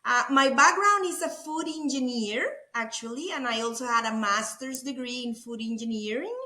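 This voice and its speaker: Speaking at normal speed in a high-side, pushed and bright voice, a Costa Rican food innovation executive in middle age gushes as an interview guest. She has a Costa Rican Spanish accent and a enthusiastic, effusive manner, repeating words in the conversational exchange. An echoey room surrounds her voice.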